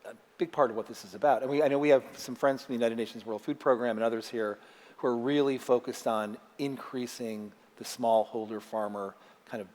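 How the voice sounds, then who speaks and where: A man's voice: medium pitch, fairly even intonation, a little fast, a little mellow. A man moderating a conference panel, framing questions conversationally and restarting his phrases as he goes. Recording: echoey conference hall.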